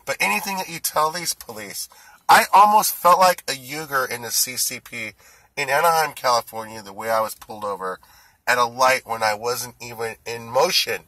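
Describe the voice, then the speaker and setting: A man's voice: medium pitch, normal speed, bright, forceful tone, rough recording. A man in his forties giving an indignant, ranting monologue to the camera. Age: 40s. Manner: indignant, ranting, rising heat. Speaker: food delivery driver.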